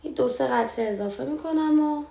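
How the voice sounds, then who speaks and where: A woman's voice: high voice, creaky. A young woman hosting a cooking show at home, chatting casually as she explains each step. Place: home kitchen. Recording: echoey kitchen, faint background noise.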